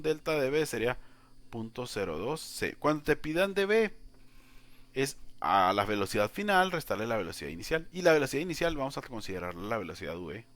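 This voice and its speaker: A man's voice: medium pitch, fairly bright tone. A man teaching a calculus lesson, chatting directly to the student and walking through each step. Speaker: math teacher. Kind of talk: informal whiteboard lesson.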